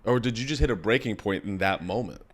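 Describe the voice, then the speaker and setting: A man's voice: on the low side, fast talker. A man with an American accent hosting a podcast, chatting informally, asking questions and swearing casually. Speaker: podcast host. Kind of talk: casual interview chat.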